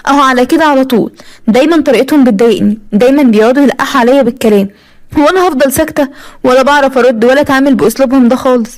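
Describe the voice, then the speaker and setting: A woman's voice: high voice, rapid-fire. A woman in her thirties with an Egyptian accent, narrating her own story in an aggrieved, confiding way. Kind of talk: first-person storytelling.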